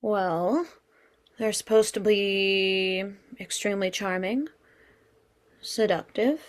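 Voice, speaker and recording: A woman's voice: medium pitch, slow, lightly acted. A woman reading the part of a skeptical, level-headed female FBI agent. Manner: skeptical, questioning. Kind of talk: dramatic script reading.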